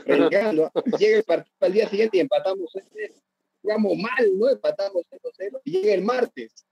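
A man with a high, husky voice tells animated, laughing stories from his playing days. He is heard over a muffled, dry video-call line. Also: brisk, no echo. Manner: animated, laughing, acts out others' lines. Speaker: former footballer guest. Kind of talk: casual storytelling.

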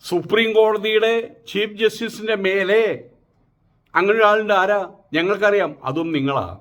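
Male political commentator, high voice, mocking and rhetorical. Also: normal speed, fairly bright tone. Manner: mocking, rhetorical, repeats his taunting questions. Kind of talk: political monologue.

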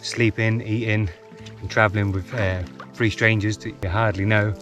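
Over music, a man in his forties with a lowish voice narrates at a moderate pace from a canoe on a lake. It's a laid-back, reflective outdoor vlog, he chuckles often, and an action camera on the boat serves as the microphone.

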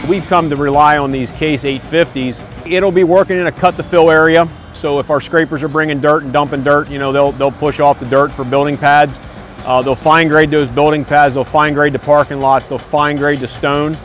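Speaking at a moderate pace with fairly even intonation, his voice sits on the high side. The forties-aged American construction business owner stays plain and casual in the interview, often saying "you know," outdoors on a site with background music under him.

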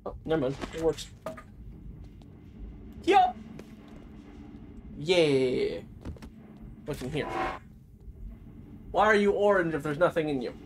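Excitable high-voiced man reacting to a game. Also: a little slow, pauses often, slight background noise. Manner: excitable, exclaiming, jokey running reactions. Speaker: gaming video creator. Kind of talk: let's-play commentary. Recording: game music playing underneath.

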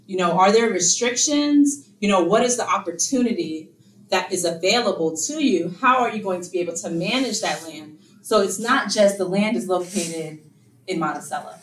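A woman with a medium-pitched voice presents a workshop in a meeting room in front of a screen, speaking at a moderate pace. Her casual lecture is conversational, full of rhetorical questions and fillers, picked up by a distant room camera that gives a roomy sound with slight background noise.

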